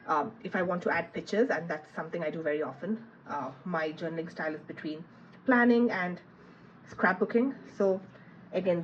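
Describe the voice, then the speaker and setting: A woman with a low voice, sniffling and a little stuffy from a cold, chats through an unboxing review of planners. She thinks aloud, trails off, and fills the gaps with ums, and the muffled, lo-fi recording carries a faint hiss.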